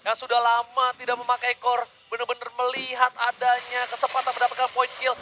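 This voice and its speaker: A man with an Indonesian accent calling an esports match like an excited fighting game announcer, dropping in English exclamations, over loud noise. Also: very high voice, brisk, over loud music. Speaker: esports play-by-play caster.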